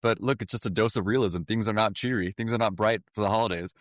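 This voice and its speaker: A man co-hosting a casual podcast, with a wry, deadpan sense of humor. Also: lowish voice, fast, no room sound, clean studio sound. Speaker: podcast co-host.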